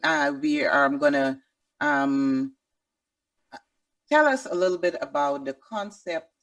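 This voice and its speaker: Low, slow-speaking woman interviewer. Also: gravelly, dry recording, recorded from a distance. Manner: halting, with many fillers and restarts. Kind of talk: interview questions.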